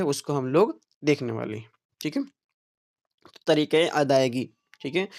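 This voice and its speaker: A young male teacher giving an exam-prep lecture, explaining step by step and checking in with his students as he goes. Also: on the high side. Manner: explains step by step, keeps checking in with "theek hai".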